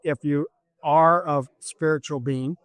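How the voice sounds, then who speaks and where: A man's voice: on the high side, fairly even intonation, measured pace, dry recording. A man running for office, talking in an interview in an emphatic, lecturing way, repeating his points. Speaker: political candidate. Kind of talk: campaign interview.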